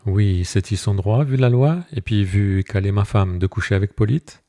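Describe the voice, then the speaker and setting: Casting: timid old peasant shepherd, halting and repetitive, played by a man, low dark voice. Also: lightly acted. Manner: halting, repetitive rustic speech.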